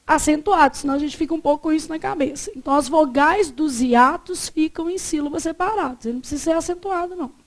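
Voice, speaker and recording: A woman's voice: sits high, fast talker, few pauses. A woman with a Brazilian accent teaching a grammar class, asking the students to fill in words and repeating the answers. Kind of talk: classroom lecture.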